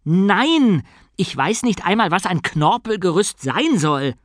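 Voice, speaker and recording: A man's voice: high-pitched, animated, a little slow, a bit bright, no room sound, clean studio sound, pitched above the performer's own voice, exaggerated voice. A man voicing a simple, anxious young male novice who talks in a bewildered, earnest way in an audiobook.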